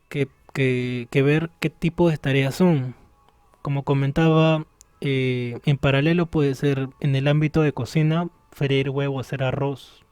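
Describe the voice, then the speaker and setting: A man teaching a recorded online class, explaining patiently and thinking aloud as he works through software, from a room at home near the street. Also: mid-range voice, clean tone, no echo.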